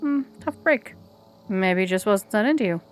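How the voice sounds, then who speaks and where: A woman's voice: mid-range voice, lively intonation, normal speed, faint music behind, lightly acted. A woman voicing a blunt, teasing old granny who makes dry wisecracks.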